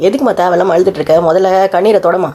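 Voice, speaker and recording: A woman's voice: fairly low pitch, rapid-fire, dark tone, a little hiss or hum, natural voice. A woman voicing a kind, reassuring aunt in a cartoon story. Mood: soothing. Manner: soothing, reassuring.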